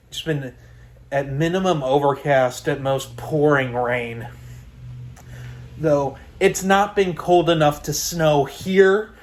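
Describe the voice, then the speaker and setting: A young adult American man talks casually as a solo host. His voice sits a little high for a man and he takes his time. He meanders, hesitates and drops in the odd mild curse. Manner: hesitant, meandering, mildly profane. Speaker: podcast and review channel host. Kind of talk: casual rambling solo chat.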